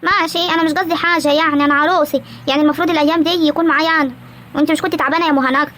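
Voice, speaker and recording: A woman voicing a young, coquettish new bride in an animated comedy, with a sugary, cooing manner and an Egyptian rural accent. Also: high-pitched, racing, slight background noise.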